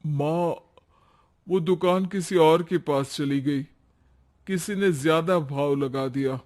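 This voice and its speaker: Rajesh, an easygoing young husband. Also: male voice, a little high, slow, darkish tone. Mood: reassuring. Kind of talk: cartoon voice acting.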